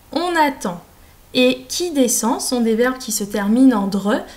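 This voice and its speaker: A woman speaking as a French teacher, carefully enunciating in a didactic, deliberate way as she dictates and explains. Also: on the high side. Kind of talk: slow, articulated classroom dictation and explanation.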